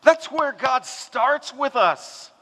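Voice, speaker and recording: High, bright-voiced man preaching in a reverberant hall. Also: expressive, slow pace. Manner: conversational, rhetorical questions, drops low and soft for God's words. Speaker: pastor. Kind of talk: sermon. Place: church hall.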